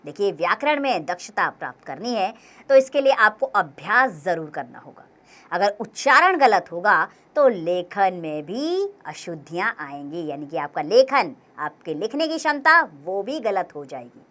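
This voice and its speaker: A woman's voice: mid-range voice, very animated, moderate pace, fairly bright tone. A young woman teacher patiently explaining a grammar workbook to children, counting aloud and encouraging them.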